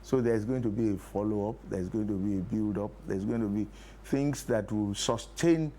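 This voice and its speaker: A middle-aged or older Nigerian play producer makes his case on a TV studio talk show, stressing key phrases by repeating them. His voice is on the low side at a normal speed, and the recording's background noise is clear.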